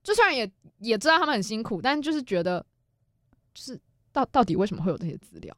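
A woman's voice: fairly high pitch, fast talker, no room sound, clean studio sound. A woman from Taiwan co-hosting a podcast, telling stories in casual chat. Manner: lively storytelling, acts out phone calls, frequent laughter. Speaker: podcast co-host.

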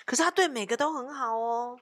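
A woman co-hosting a frank, animated relationship chat and telling stories. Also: fairly high pitch, a little fast. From Taiwan. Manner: animated storyteller, bursts of laughter. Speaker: co-host, tarot reader.

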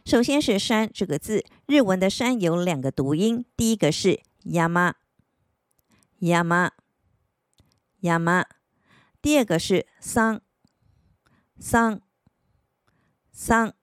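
Woman, language teacher, scripted lesson, slow careful repetitions, dry close-miked sound. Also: medium pitch, expressive, no room sound. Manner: repeats words slowly and clearly for practice.

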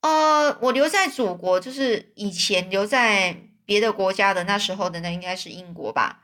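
A woman's voice: mid-range voice, moderate pace, a bit bright, close to an everyday voice. A woman voicing a young male swindler who poses as a wronged duke, complaining in a mournful, pompous way. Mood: woeful.

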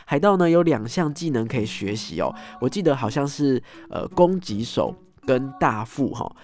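A man telling a story as host, animated, acting out scenes and ending phrases with soft tag particles. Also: mid-range voice, normal speed, faint music behind. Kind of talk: casual storytelling monologue.

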